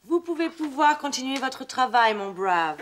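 A woman's voice: high-pitched, big pitch swings, moderate pace, very noisy. A haughty Scottish lady. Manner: broken French, stiff and haughty. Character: prim young Scottish noblewoman. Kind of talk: 1980s French sitcom acting.

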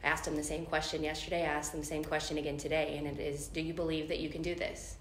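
At a postgame press conference, a middle-aged woman who is a head coach speaks earnestly, saying "um" often. Her voice is low, flat, and fast, and the room is echoey with faint noise.

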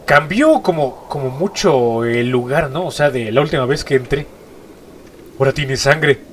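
A man's voice: mid-range voice, moderate pace, slight background noise. A man with a Mexican accent, stuffy-nosed from a cold, giving jumpy horror gameplay commentary and repeating short exclamations. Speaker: gaming YouTuber.

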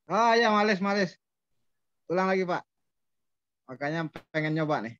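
A male adult student reading Arabic aloud haltingly in an online class, correcting himself with good humor. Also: high voice, expressive, a bit bright, dry recording. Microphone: video call. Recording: dull lo-fi call audio.

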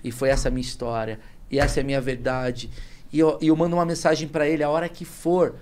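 Brief: thirties man from Brazil, podcast guest, emphatic and emotional storyteller, slangy, voice sitting a bit high. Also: flat delivery, fast talker, darkish tone. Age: 30s. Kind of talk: casual podcast chat.

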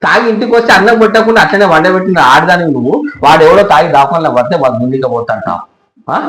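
A man's voice: a little high, fairly bright tone, echoey room, rough recording. A man playing a jealous husband in a comedy skit, accusing and quarrelsome. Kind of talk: Telangana Telugu comedy skit acting.

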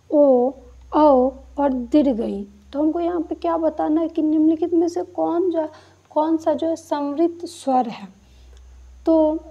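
A woman's voice: high-pitched, mellow. A woman teaching an exam-prep grammar lesson, explaining step by step and asking and answering her own questions. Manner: repeats "है ना" and "ठीक है" often.

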